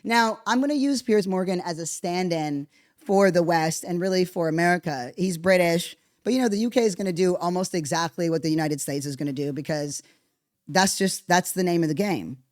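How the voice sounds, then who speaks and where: A podcast host talking casually and bluntly, reacting to a played clip with frequent swearing. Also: female voice, fairly low pitch, fairly quick, no room sound, studio quality. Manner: blunt, profane, animated. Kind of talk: casual commentary on played clips.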